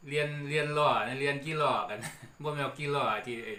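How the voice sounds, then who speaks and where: A middle-aged man with an Isan accent, hosting a relaxed lesson on old regional words and chuckling between points. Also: mid-range voice, fast. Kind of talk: casual explanatory talk. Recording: echoey room with faint background noise.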